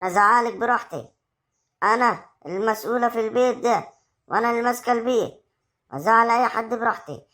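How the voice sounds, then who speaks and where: A woman's voice: quick pace, pauses often, a bit bright, natural voice. A woman with an Egyptian accent acting a domineering village mother who scolds her son's wife in an amateur family drama. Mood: scolding. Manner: scolding, shrill and confrontational. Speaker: actor in amateur web drama.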